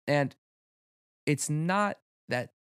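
A man's voice: on the high side, lively intonation, extremely slow, a bit bright, clean tone, dry recording, studio quality. A young man hosting a solo sports podcast, talking loosely with lots of fillers and casual swearing. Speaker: podcast host.

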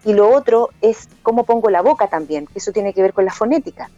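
A woman's voice: medium pitch, expressive, fast, warm tone. A woman music and singing teacher explaining voice technique on a phone call, in an explanatory manner that stops to sing short demonstration lines. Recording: muffled phone line with faint music.

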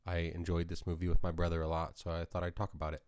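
Very deep-voiced man chatting casually. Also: monotone, very fast, a little mellow, no echo, clean studio sound. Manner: giggly, rambling, self-correcting. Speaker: podcast co-host. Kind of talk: casual movie chat.

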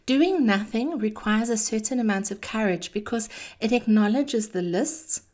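A woman's voice: on the high side, normal speed, a little mellow. A woman hosting a chatty, encouraging monologue with personal anecdotes, speaking in a theatrical, cheeky manner. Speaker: podcast host.

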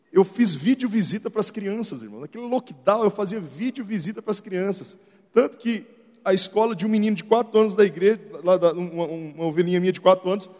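A middle-aged male pastor preaching a sermon, telling stories and acting out other people's voices. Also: sits high. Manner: animated storytelling, acts out voices of others. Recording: long hall reverb.

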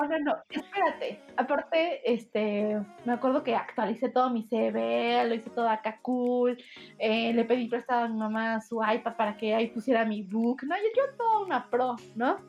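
A woman's voice: a little high, darkish tone. A young woman in her twenties with a Mexico City accent, telling a story in casual, slangy chat and acting out the quotes.

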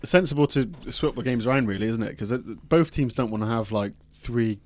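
Laid-back radio co-host. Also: male voice, medium pitch, a little fast, a little mellow. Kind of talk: casual chat.

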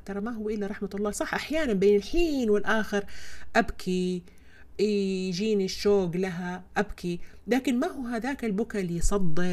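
A woman hosting a podcast, telling a personal story in an expressive, emphatic way. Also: medium pitch. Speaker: podcast host. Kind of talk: personal reflective podcast talk.

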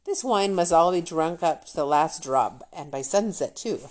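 A woman reading aloud puts on a scheming old witch queen who smirks and cackles through every line. She stretches her taunts out slowly, and her voice swoops widely as she gloats. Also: low-pitched, lively intonation, darkish tone.

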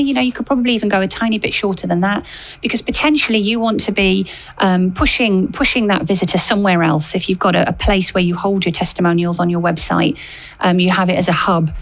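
A woman's voice: medium pitch, brisk, low-quality recording. A woman speaking as a guest expert, explaining conversationally with some hesitation and repeated phrases for emphasis.

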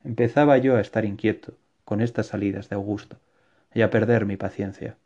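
A man narrating a novel in a quiet, measured way. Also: lowish voice, steady tone. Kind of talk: audiobook narration. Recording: dull lo-fi recording.

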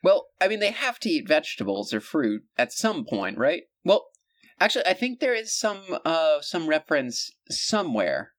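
A man's voice: a little high, very animated, normal speed, fairly bright tone. A man co-hosting a podcast in casual comedic chat, rambling with lots of fillers, restarts and jokes. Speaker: podcast co-host.

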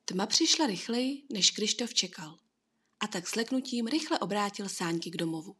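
A woman reads a children's storybook aloud in a soft, hushed way, her voice airy and breathy. The pitch sits in the middle, and the telling stays calm and unhurried. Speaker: narrator. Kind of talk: storybook narration.

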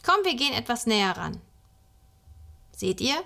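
A woman voicing a calm, patient father explaining things to his children. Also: a little high, normal speed, gravelly, full character voice.

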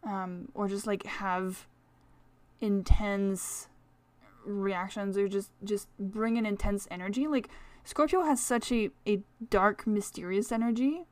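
A woman's voice: mid-range voice, slow. Chatty woman with a French accent. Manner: chatty, rambling, many fillers and laughs. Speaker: astrology podcast host. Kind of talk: casual solo podcast talk.

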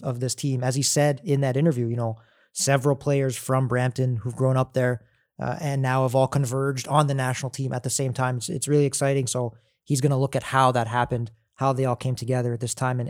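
A man's voice: medium pitch, a little mellow. A man hosting a casual sports podcast, upbeat and chatty, laughing easily. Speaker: podcast host.

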